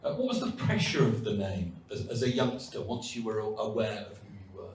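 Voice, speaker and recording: A man's voice: fairly low pitch, sing-song, brisk, a little hiss or hum. A man hosting a live on-stage interview before an audience. He gives formal, welcoming introductions and puts questions to his guest. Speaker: host.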